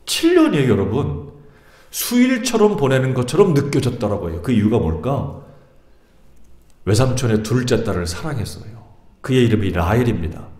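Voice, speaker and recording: A middle-aged man preaching a sermon as pastor, animated and putting questions to the congregation. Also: fairly high pitch, echoey room. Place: church sanctuary.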